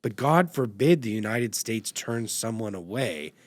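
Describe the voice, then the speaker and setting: A young man hosting a podcast, telling a personal story in a relaxed, conversational way. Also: fairly low pitch, measured pace, no room sound. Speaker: podcast host. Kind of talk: casual conversational interview.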